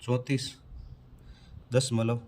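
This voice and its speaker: A male math teacher delivers a board lesson extremely slowly, his mid-range, darkish voice barely moving in pitch. He explains primary-school math step by step in a classroom manner, posing questions and answering them himself.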